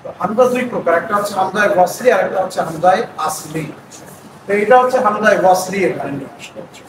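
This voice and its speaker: A man teaching prayer recitation, patiently breaking words into syllables and chanting them slowly. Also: sits high, lively intonation. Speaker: religious teacher. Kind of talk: explaining pronunciation step by step. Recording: echoey room, distant mic, noisy.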